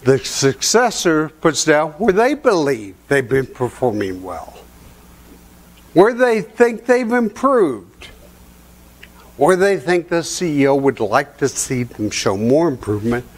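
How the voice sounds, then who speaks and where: A man's voice: a little high, very animated, takes it slowly. Older man telling folksy seminar stories. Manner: folksy, storytelling, chuckles at his own stories. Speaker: seminar presenter. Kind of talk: conference talk with anecdotes. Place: hotel conference room with seated audience.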